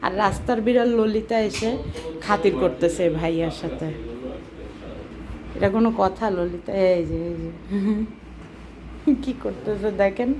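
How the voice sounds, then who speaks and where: A woman's voice: mid-range voice, measured pace, long pauses, background noise. A woman, chatting casually and teasingly to cats and her camera, coaxing them along. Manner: coaxing, teasing talk to pets. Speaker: cat caretaker vlogger.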